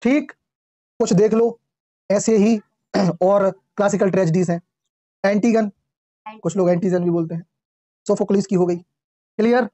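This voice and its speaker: A male teacher giving a classroom lecture, reading English lines slowly, explaining them in Hindi, quizzing the class and clearing his throat often. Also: sits high, steady tone, mellow, no echo. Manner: quizzes the class with repeated questions. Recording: dull lo-fi classroom recording.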